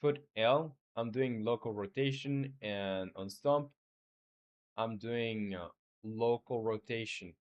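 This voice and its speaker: A man's voice: medium pitch, slow, muffled recording. Man thinking aloud while coding. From Chile. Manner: thinks aloud, hesitant with many fillers and restarts; answers viewers in a friendly way. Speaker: game developer streaming live. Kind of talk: casual live-stream coding chat.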